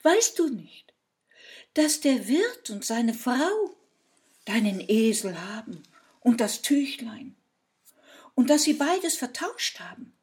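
A woman voicing an impatient fairy who scolds loudly in a high voice. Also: very animated, slow, in a whisper, heavily acted. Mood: scolding. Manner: high, loud, reproachful.

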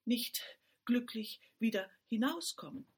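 A woman's voice: lively intonation, slightly rough, heavily acted. A woman voicing a timid but brave young girl in a fairy tale. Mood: hushed, resigned. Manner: high and quick when alarmed, hushed when resigned.

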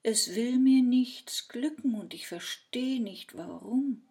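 A woman voicing a poor, simple-minded fairy-tale man who shouts in a high, eager voice. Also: takes it slowly. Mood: sad.

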